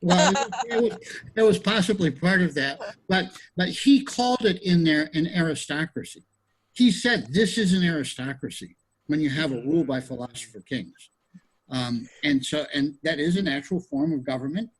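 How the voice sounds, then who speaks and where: A man's voice: a little high, normal speed, breathy edge, low-quality recording. A man leading a casual study group discussion on a video call, rambling with many restarts and fillers.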